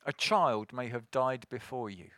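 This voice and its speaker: A man preaching a sermon, earnest and rising to forceful emphasis. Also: medium pitch, lively intonation, unhurried, dry recording, clean studio sound.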